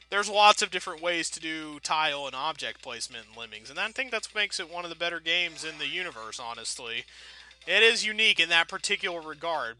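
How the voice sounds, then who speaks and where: Slightly high and sharp in tone, this let's player's voice carries casual, rambling remarks about the game. He thinks aloud wryly, mocks himself, and uses folksy phrases with a playful touch.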